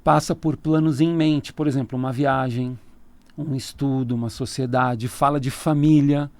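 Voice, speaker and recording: A Brazilian Portuguese-accented man, a tarot reader, is a relaxed radio guest in the studio who laughs readily and gives long explanations. He speaks at normal speed in a steady, medium-pitched, slightly mellow voice, recorded dry.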